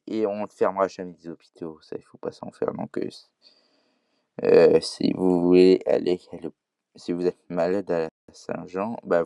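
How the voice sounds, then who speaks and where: A man's voice: low voice, vocal fry, mellow, no room sound. A man with a Québécois accent talking casually to camera in a vlog, hesitant, with many fillers and restarts. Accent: Québécois French. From Quebec. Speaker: vlogger.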